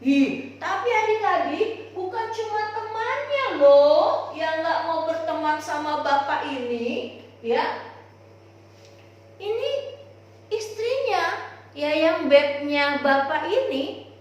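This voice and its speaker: A woman teaching Sunday school, telling a Bible story to children in an animated, sing-song way. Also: very high voice, slow pace. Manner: animated, sing-song, talks straight to kids. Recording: echoey room.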